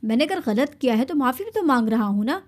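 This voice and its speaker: A woman's voice: a little high, lively intonation, warm tone, natural voice. A woman voicing a possessive young husband in an audiobook, swinging between teasing and pleading. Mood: furious.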